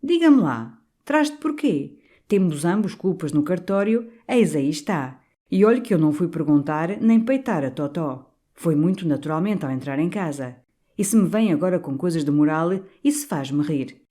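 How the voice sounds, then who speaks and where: A woman voicing a young, cynical male priest who talks back with defiant, sneering calm, for an audiobook. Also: low voice, brisk.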